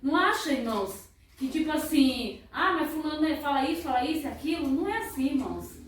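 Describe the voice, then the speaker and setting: A woman's voice: high-pitched, lively intonation, quick pace, slight background noise. A woman leading worship in church, singing hymns and fervently exhorting the congregation, breaking into tongues. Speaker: worship leader. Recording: echoey church hall from far off.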